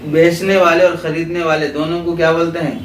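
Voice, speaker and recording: A man's voice: fairly high pitch, level tone. A man teaching a class in a religious school with an Urdu accent, explaining terms and asking his students questions, then repeating their answers. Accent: Pakistani Urdu. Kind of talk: classroom lecture with call-and-response questions. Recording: roomy echo, distant mic, clear background noise.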